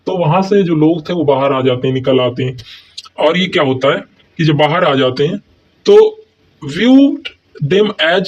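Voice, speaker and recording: A man goes through history exam notes like a teacher, posing questions and answering them himself. His voice sits fairly high. The recording is dull and lo-fi. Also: darkish tone. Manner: keeps asking and answering his own questions, with many "thik hai" and "hai na" check-ins. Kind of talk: explaining exam notes in a mix of Hindi and English.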